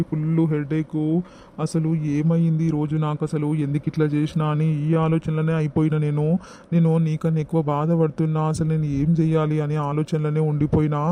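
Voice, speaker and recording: A guilty husband pleads and begs in a flat, unvarying voice, played by a man. He speaks with a Telangana accent in a dark, dull tone, a touch higher than most men, in a homemade comedy skit. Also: brisk, slight background noise, close to an everyday voice. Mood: pleading. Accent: Telangana Telugu. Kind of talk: village comedy skit acting.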